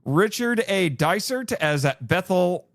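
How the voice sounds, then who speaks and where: A man's voice: sits high, animated, slow, no echo, clean studio sound. A man hosting a casual film discussion, explaining things in a rambling way and backtracking mid-thought. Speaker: film podcast host.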